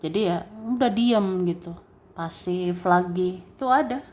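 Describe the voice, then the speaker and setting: A woman giving a general tarot reading straight to the listener in a relaxed, chatty way, with many fillers and soft laughs. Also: fairly low pitch, measured pace. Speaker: tarot reader.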